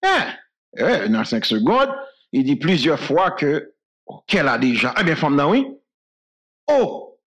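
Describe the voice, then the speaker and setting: High-voiced Haitian man rambling through news. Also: sing-song, a little slow, long pauses, a bit bright. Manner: rambling, laughs often, switches between Creole and French. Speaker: online news commentator. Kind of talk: casual commentary.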